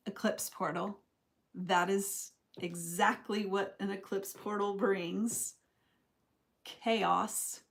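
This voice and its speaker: Young woman, tarot reader on a live stream; unhurried, meandering, chatty delivery, mid-range voice. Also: medium pitch, gravelly. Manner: rambling, reflective, loose and chatty. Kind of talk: casual live tarot reading.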